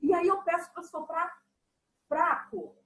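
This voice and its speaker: A woman music teacher giving a patient, animated lesson to young children. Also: extremely high pitch, unhurried, reverberant, rough recording. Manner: patient, animated explaining with examples.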